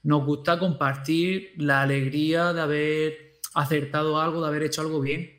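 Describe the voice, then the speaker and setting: A man who teaches school, talking casually with an animated way of acting out what he says to his pupils. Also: a little high, normal speed, reverberant. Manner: animated, acts out quoted speech to pupils. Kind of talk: casual conversation.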